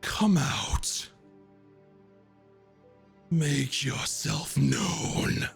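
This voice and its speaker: A man's voice: medium pitch, soft background music, exaggerated voice. A man voicing a thunderous, menacing green dragon. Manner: thunderous voice that seems to fill the forest, slow and breathy. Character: huge menacing green dragon guarding his hoard. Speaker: game master. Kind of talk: voicing a creature in a tabletop game.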